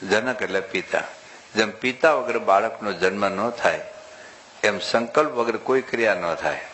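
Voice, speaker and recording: A male monk giving a humorous sermon to a live audience, talking in a lively, rhetorical way and quizzing the crowd for loud answers. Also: lowish voice, slight background noise, poor audio.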